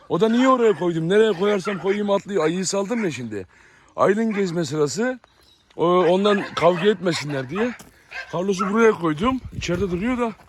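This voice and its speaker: A high-pitched man from Turkey, heard over background noise, chats casually to camera while walking around his outdoor dog yard and kennels. He's a talkative dog breeder vlogger who often speaks to his viewers.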